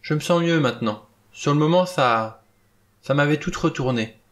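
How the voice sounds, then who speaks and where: A man's voice: on the high side, moderate pace, pitched above the performer's own voice, close to an everyday voice. A man reading an audiobook, voicing a meek, shaken middle-aged housekeeper in a raised voice.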